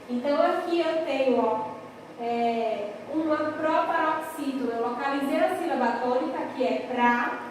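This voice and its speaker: A woman's voice: high-pitched, darkish tone, a little hiss or hum. A woman teacher giving a patient, explanatory recorded grammar lesson, checking in with her students often. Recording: roomy echo, long reverb, distant from the mic.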